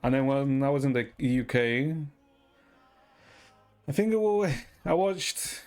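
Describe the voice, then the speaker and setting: Speaking slowly but animatedly, an Ecuadorian man addresses his livestream viewers in a clean, slightly mellow mid-range voice. His talk is rambling and informal, laced with profanity, with music in the background.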